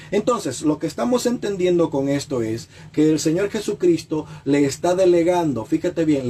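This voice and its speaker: A preacher with a mellow, warm voice, pitched a little high for a man, delivers a sermon. He repeats key phrases, poses rhetorical questions to the listener, and goes low and slow on solemn lines while faint noise hums in the background.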